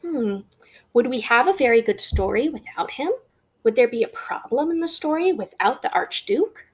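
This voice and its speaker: Here a teacher takes small children through a storybook read-aloud, posing easy questions along the way. Her voice is on the high side and expressive, with a breathy edge, and she talks at a normal speed.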